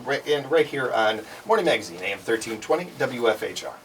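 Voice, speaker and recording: A man hosting a radio talk show, with smooth on-air patter, a few fillers, on-air greetings and calls for listeners to phone in. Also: medium pitch, sing-song, fairly quick, recorded from a distance.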